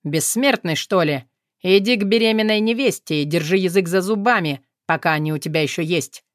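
A woman's voice: on the low side, brisk, no room sound, close to an everyday voice. Brutal young male thug, growled threats, read by a woman, dry close audiobook sound. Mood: menacing.

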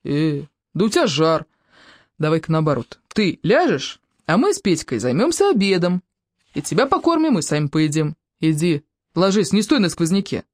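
A woman's voice: deep voice, very animated, moderate pace, dry recording, clean studio sound. A woman voicing an elderly former army officer, fatherly and authoritative.

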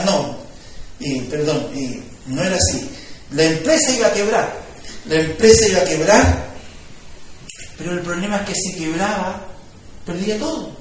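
High-voiced pastor in echoey church. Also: male voice, slight background noise. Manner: conversational preaching with rising fervor, frequent "¿me entiende?". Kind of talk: sermon. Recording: echoey room, voice from far off mic.

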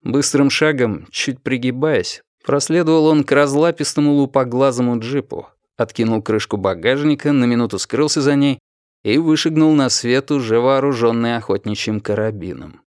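A man reading an action novel as audiobook narration, in a steady, expressive way. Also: mid-range voice, moderate pace, no room sound, studio quality.

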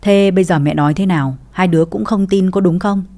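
A woman's voice: lowish voice, fairly quick, dark tone, close to an everyday voice. A woman voicing a defensive middle-aged stepmother in a read-aloud family story. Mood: firm.

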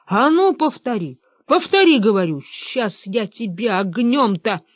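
A man's voice: high voice, animated, a little slow, no room sound. A woman playing a blustering old bureaucrat. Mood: furious. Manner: blustering, scolding. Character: gruff bossy older male official, father-in-law.

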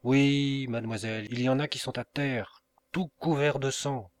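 A man voicing a frightened young maidservant who pleads urgently and in a hushed voice. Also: mid-range voice, fairly quick, close to an everyday voice. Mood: frightened pleading.

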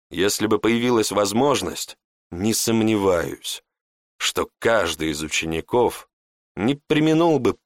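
A man's voice: fairly low pitch, no room sound, clean studio sound. A man narrating a fantasy audiobook in the first person, in a terse storytelling manner.

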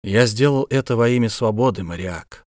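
Brief: male narrator as a tired, idealistic guard for an audiobook, earnest and measured. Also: mid-range voice, a little mellow, no room sound, studio quality, natural voice. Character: weary rebel guard man, idealistic.

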